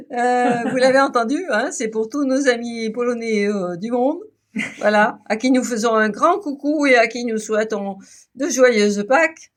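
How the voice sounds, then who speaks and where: A woman's voice: on the high side, unhurried. A chatty woman presents treats to camera in a loose, playful way. She fills her talk with little hesitations and restarts. She sounds a little tipsy from champagne. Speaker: video channel host. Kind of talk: casual food presentation to camera.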